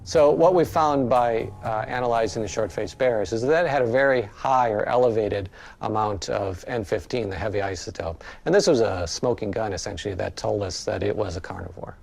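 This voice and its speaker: A male scientist explains his subject in an informal documentary interview style. His voice sits fairly low, with light music in the background. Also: brisk, vocal fry, a little mellow.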